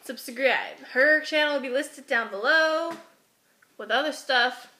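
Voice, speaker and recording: A woman's voice: high-pitched, a little slow, bright, forceful tone. A young woman chatting casually and playfully as a vlogger co-hosting a video in a home kitchen. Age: young adult. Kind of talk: casual chat. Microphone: device camera mic at about arm's length. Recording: faint noise, home camera mic.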